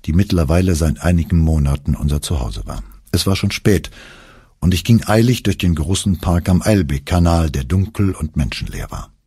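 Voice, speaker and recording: A man narrating a memoir audiobook in an expressive, dramatic storytelling manner, close to the mic. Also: low-pitched, breathy edge, no room sound.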